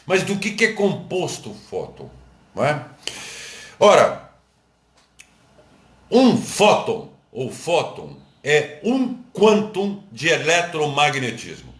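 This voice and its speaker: Lively didactic Brazilian man lecturing. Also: a little high, slow, long pauses, roomy sound. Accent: Brazilian Portuguese. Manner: didactic, repeats and asks the audience if they understood. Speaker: esoteric lecturer. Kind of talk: live online lecture.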